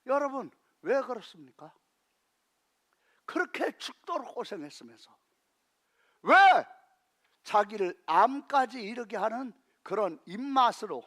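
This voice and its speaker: A male senior pastor preaching a sermon in a church, asking the congregation questions and rising to shouts. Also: very high-pitched. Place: church sanctuary.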